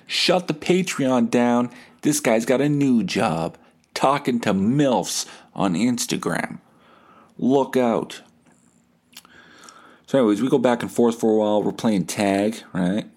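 A fairly low, darkish male voice carries this podcast host's casual, comic storytelling. Foul-mouthed and self-mocking, he acts out message threads as back-and-forth dialogue.

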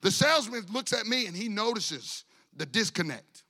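A man preaching a storytelling sermon in a church, animated and acting out the people in his story. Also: sits high, normal speed, in a large hall. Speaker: pastor. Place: church sanctuary.

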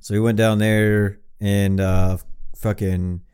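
A man's voice: on the low side, flat delivery, takes it slowly, darkish tone, clean tone. A man co-hosting a casual podcast, blunt and teasing, swearing constantly. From lives in Hawaii. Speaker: podcast co-host. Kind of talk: casual chat.

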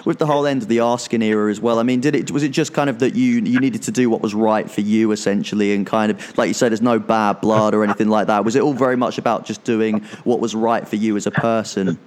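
A man's voice: fairly low pitch, fairly even intonation, quick pace, few pauses, a little mellow. A man interviewing a musician, asking long, rambling questions full of restarts and fillers. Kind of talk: casual interview.

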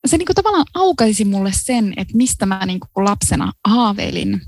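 A woman's voice: medium pitch, sing-song, gravelly, darkish tone, no room sound. A woman co-hosting a book podcast, chatting casually and musing aloud with fillers and laughs. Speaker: podcast co-host. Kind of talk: casual chat about books.

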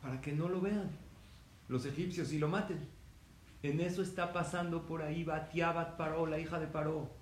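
A man's voice: on the high side, steady tone, moderate pace. Man preaching a story lesson in an echoey room. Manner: asks the audience questions, acts out quotes. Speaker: rabbi teaching a lesson. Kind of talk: sermon-style storytelling lesson. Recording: echoey room with faint ambient noise.

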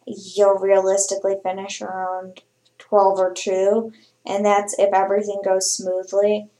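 A woman with a mid-pitched voice co-hosts a casual podcast. She talks in a meandering, chatty way and often restarts her sentences. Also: monotone, a little slow, mellow, roomy sound. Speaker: podcast co-host.

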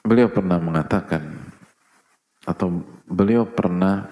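A man preaching a sermon to a live audience, asking rhetorical questions and swinging between soft asides and loud emphasis. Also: low-pitched, measured pace. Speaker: Islamic preacher.

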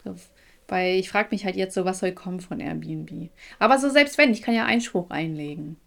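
A young woman chatting casually on a podcast, telling an animated story in colloquial slang and acting out the other people's lines. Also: fairly low pitch, moderate pace, creaky. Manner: animated storyteller, acts out quoted dialogue. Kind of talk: casual chat.

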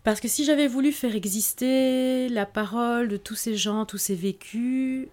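A woman author, speaking in a podcast interview in a reflective way and often pausing on fillers. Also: on the high side, darkish tone. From Belgium. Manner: reflective, hesitant with frequent fillers. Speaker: author guest.

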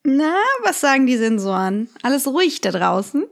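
A woman's voice: high-pitched, lively intonation, moderate pace, vocal fry. A woman co-hosting a podcast, moving between casual chat and scripted recaps. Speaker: podcast co-host.

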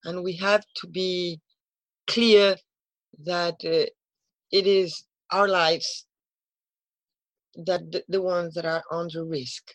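A woman's voice: lowish voice, steady tone, takes it slowly, pauses often, dry recording, rough recording. A native Spanish-speaking woman with a Spanish accent talks earnestly and emotionally, repeating herself and searching for English words as if translating in her head. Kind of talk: heartfelt conversation.

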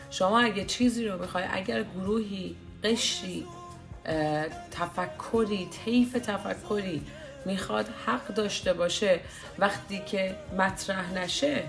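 A woman's voice: medium pitch, vocal fry. A woman talking earnestly and persuasively in a casual discussion, acting out little dialogues to make her point.

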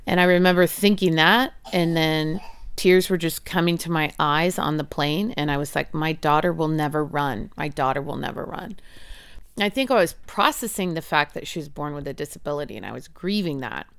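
Woman, 40s, heartfelt personal storyteller; lowish, smooth voice, dry close sound. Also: lively intonation, fairly quick, no echo. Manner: earnest, emotional, acts out quoted voices. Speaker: interviewee, mother.

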